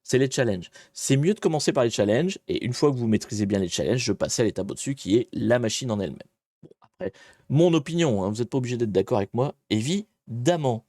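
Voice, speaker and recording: A man's voice: medium pitch, lively intonation, fast, dark tone, no room sound, studio quality. A man hosting a casual live-stream hacking tutorial, chatty and self-deprecating, greeting viewers and hesitating often. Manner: chatty, rambling, many hesitations.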